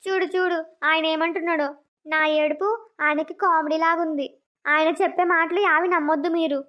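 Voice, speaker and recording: A squeaky scheming sister-in-law. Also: female voice, fairly even intonation, moderate pace. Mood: indignant. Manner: sly, then loudly self-pitying denials. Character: scheming young woman, spiteful sister-in-law. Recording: dull lo-fi cartoon audio.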